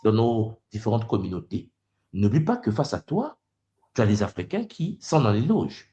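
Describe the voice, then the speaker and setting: Lively, probing man leading a debate. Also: fairly low pitch, normal speed, muffled recording. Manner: probing, interrupts to press a point. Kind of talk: conversational debate.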